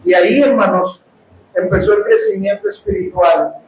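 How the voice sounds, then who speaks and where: A man with a Mexican accent preaching a sermon testimony, impassioned and often bursting into shouts as he addresses his brothers. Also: high voice, wildly swooping pitch, normal speed, gravelly, roomy sound, low-quality recording. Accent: Mexican Spanish. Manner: impassioned, bursts into shouting, calls listeners "hermanos". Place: house of prayer.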